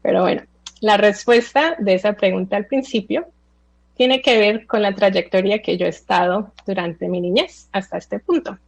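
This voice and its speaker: A Colombian-born woman of about forty, raised in the United States, giving a relaxed, chatty talk with many filler sounds. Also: medium pitch, moderate pace, gravelly, rough recording. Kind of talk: online talk.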